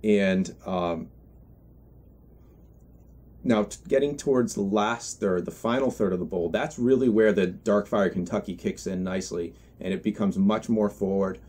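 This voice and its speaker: A man giving an unscripted product review in a halting, reflective way, often correcting himself as he goes. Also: on the low side, darkish tone. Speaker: pipe tobacco reviewer.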